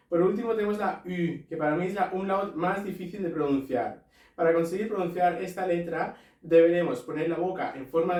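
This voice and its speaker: A man's voice: sits high, a little mellow, roomy sound, far from the mic. A man teaching a language pronunciation lesson, explaining each rule step by step and asking listeners to repeat after him. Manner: explains rules step by step, asks viewers to repeat.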